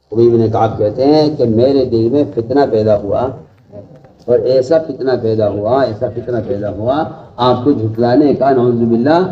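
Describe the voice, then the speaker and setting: A man preaching a sermon to scholars, speaking emphatically, repeating key phrases and rising sharply to stress points. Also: medium pitch. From India. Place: large mosque hall. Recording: dull lo-fi recording from far off.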